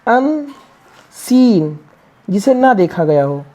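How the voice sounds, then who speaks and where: A woman's voice: fairly high pitch, animated, unhurried, warm tone. A woman teaching English reading, spelling out words letter by letter and asking and answering her own questions. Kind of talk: classroom-style reading lesson.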